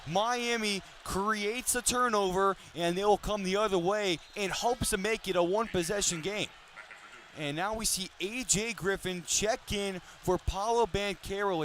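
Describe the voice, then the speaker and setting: A man in his twenties with a high, slightly bright voice calls live basketball on the radio at a moderate pace. His play-by-play is detailed and polished, set against the ambient noise of a basketball arena.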